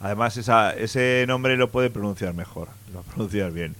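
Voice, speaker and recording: Spanish male co-host, joking, bright tense voice. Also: on the low side, normal speed, dry recording. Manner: joking, laughs often. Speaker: radio co-host. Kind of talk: casual radio chat.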